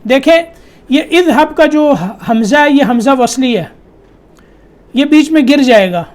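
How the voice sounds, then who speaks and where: High-voiced man teaching Quran recitation. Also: expressive, darkish tone. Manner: recites verses in slow drawn-out chant, explains rules in brisk asides; corrects students directly and repeats the right reading. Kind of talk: tajweed lesson, explaining and reciting.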